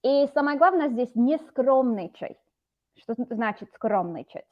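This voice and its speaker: Higher-voiced woman teaching a lesson. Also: expressive, lo-fi sound. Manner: patient, slows down to explain words. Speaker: Russian teacher. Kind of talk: online language lesson.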